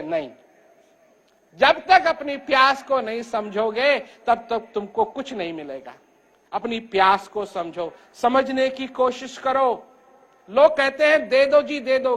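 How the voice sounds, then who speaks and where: A very high-pitched older man gives a spiritual discourse. He speaks loudly and emphatically, as if straight from the heart. His voice keeps rising and falling from phrase to phrase. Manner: rises and falls in pitch and loudness. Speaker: spiritual teacher.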